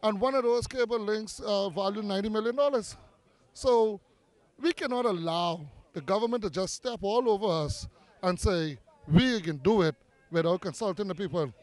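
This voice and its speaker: A Grand Bahama man, Bahamian-accented, answers an interviewer outdoors in a park in a high, darkish voice at a moderate pace. Speaking as a community activist, he's earnest and convincing and repeats words to make his points land.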